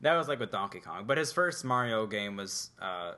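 A man chatting casually and rambling with many fillers, acting out game characters in quick asides. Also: on the low side, sing-song, pushed and bright. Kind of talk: casual chat.

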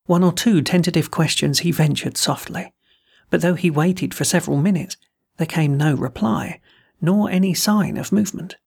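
A gravelly, husky voice reads a classic ghost story aloud. The delivery is measured and deliberate, as a host narrating a tale. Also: medium pitch, darkish tone. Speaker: host and reader of a horror story.

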